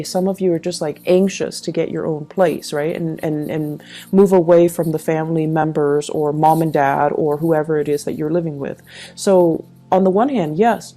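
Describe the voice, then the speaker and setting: Over background music, a woman with a low, warm voice gives a conversational tarot reading as a channel host. She speaks reflectively and advises the listener directly.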